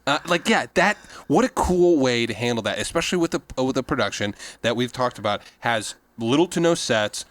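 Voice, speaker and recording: A man's voice: mid-range voice, expressive, fairly quick, hardly any pauses, a bit bright, no room sound. A man hosting a podcast in casual chat, talking with thoughtful enthusiasm.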